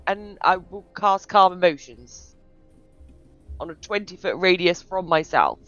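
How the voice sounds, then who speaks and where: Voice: mid-range voice, unhurried, fairly bright tone, no echo, highs cut off, faint music behind. A player in a tabletop game, role-playing and chatting casually.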